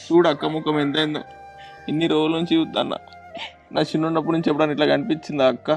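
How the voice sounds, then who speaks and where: A man playing a worried young brother with a Telangana Telugu accent. He talks fast and urgently, pressing with questions and then reassuring. His voice is slightly high, with music under it. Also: flat delivery, close to an everyday voice.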